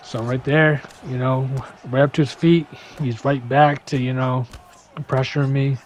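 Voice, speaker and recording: A young man giving a casual gameplay breakdown, full of "you know" fillers and sometimes rushing to keep up with the action. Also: medium pitch, little pitch movement, a little hiss or hum. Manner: casual, filler-heavy, talks fast to keep up. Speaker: gaming YouTuber.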